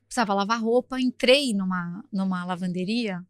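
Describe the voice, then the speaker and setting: Woman, middle-aged, from Brazil, chatty podcast guest, lively storytelling, dry close sound. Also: medium pitch, normal speed, no echo.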